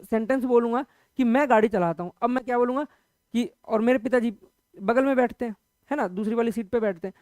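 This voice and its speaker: A man's voice: extremely high pitch, no room sound. Man giving a patient, dry grammar lesson. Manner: explains patiently, checks in with "okay?" after nearly every point; conversational, repeats examples slowly. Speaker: Hindi grammar teacher. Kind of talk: exam-prep grammar lecture.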